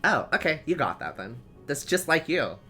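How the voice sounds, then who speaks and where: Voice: medium pitch, sing-song, music in the background. A streamer narrating a story game and chatting with a co-host in a playful, teasing way. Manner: playful teasing, quick laughs.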